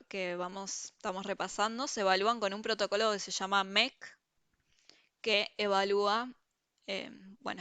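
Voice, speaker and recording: A woman teaches a university review class over a video call, her voice bright and crisp. She explains each point patiently and step by step, often pausing to check that her students follow. The sound is close and dry, with no room around it. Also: mid-range voice, no room sound. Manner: explanatory, checks understanding with frequent "¿sí?".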